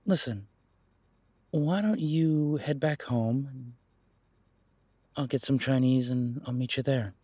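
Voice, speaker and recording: Tender in mood, a man with a medium-pitched voice plays a protective, worried werewolf detective boyfriend in an intimate roleplay audio drama. His words come softly and reassuringly with hesitant pauses, with no room sound.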